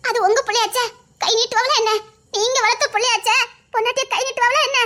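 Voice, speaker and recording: A sugary, manipulative young wife flatters and pleads in a very high, bright voice, as a woman voices her for an animated story. Her colours every whiny, wheedling line. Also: fast talker. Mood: flattering.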